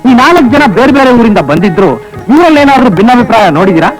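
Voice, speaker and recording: Film role: an eager job-seeking younger brother, animated and fast, high voice. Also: male voice, soft background music, rough recording. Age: young adult. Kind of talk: 1980s Kannada film drama acting.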